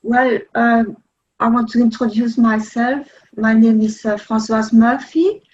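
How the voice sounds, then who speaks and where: A woman's voice: on the high side, fairly even intonation, measured pace, darkish tone, lo-fi sound. A woman from Belgium, giving a polite, earnest conference presentation over a video call. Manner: polite and earnest, slightly non-native phrasing. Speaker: conference speaker. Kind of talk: presentation talk.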